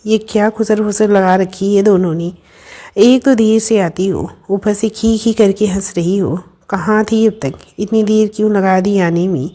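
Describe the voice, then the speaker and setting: A woman voicing a stern female hostel warden who scolds with sharp questions. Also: mid-range voice, measured pace, lightly acted. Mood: scolding.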